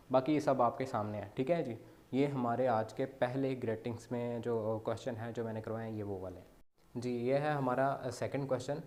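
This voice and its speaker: A man's voice: mid-range voice, darkish tone. A man teaching beginner Chinese, who explains step by step and often checks in with his students. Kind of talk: beginner language lesson.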